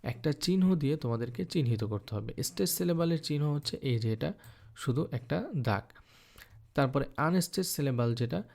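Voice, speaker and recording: A man teaching an online lesson on poetry, patient and step by step, asking questions and answering them himself, and slowing down to sound out words syllable by syllable. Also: medium pitch, lively intonation, vocal fry, a little mellow. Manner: patient, explains step by step, often asks then answers his own questions. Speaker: English teacher. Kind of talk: online lecture explaining poetry scansion. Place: recording for an online course.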